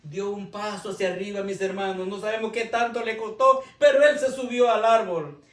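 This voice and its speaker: Man preaching, very high voice, earnest sermon, roomy echo, distant mic. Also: fairly even intonation, normal speed, fairly bright tone. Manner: earnest, with rising emphasis and frequent "mis hermanos". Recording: echoey room, heard from a distance.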